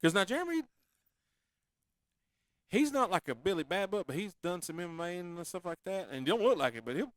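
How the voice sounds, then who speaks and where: Lively laid-back man. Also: sits high, fairly quick, long pauses, no echo. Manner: laid-back, joking, repeats phrases. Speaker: podcast host. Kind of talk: casual chat.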